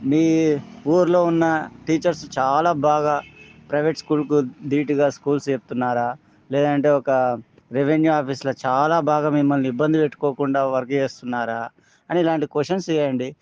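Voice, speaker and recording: A man with a Telangana Telugu accent leaves an angry phone voice message, scolding and firing accusing questions. His voice sits fairly high but sounds dark and mellow. The recording is dull and lo-fi, like a phone voice note. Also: fairly even intonation, normal speed. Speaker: angry member of the public.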